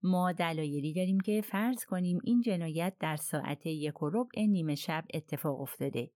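A woman's voice: sits low, darkish tone, no room sound, studio quality, close to an everyday voice. A woman reading the part of a persistent foreign detective in an audiobook, probing with polite persuasion. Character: persistent foreign detective questioning witness, man.

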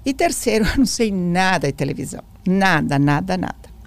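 Telling her story as an interview guest, this woman aged sixty or older speaks Portuguese with a foreign accent, her voice lowish and fairly quick. She animatedly performs quoted dialogue and tends to repeat phrases.

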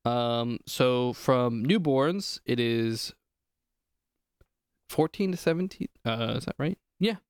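A man's voice: medium pitch, slow pace, clean tone, no room sound, studio quality. A man hosting a podcast in casual chat, reading lists aloud with joking asides. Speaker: podcast host.

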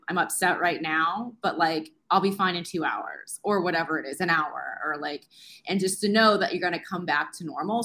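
Bright, chatty woman in her thirties. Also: deep voice. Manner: chatty, uses "like" constantly, earnest. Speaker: guest, science teacher. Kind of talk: candid interview talk.

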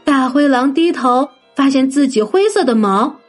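A woman narrating a children's story in a gentle, sing-song manner, addressing young listeners. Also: sits high, expressive, moderate pace. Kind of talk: scripted bedtime story narration. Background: soft background music.

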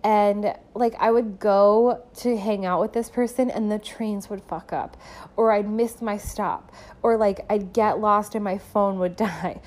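A woman's voice: mid-range voice, steady tone, measured pace, a little mellow. Chatty young woman podcaster. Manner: chatty, filler-heavy, laughs often. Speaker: podcast host and musician. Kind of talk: casual personal monologue.

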